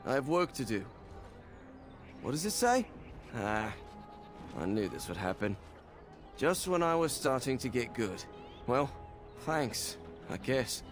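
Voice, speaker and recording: A resigned, curt game character. The man speaks slowly with swooping intonation, grudging in manner, with music behind him. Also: medium pitch, sing-song. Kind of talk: video game character dialogue.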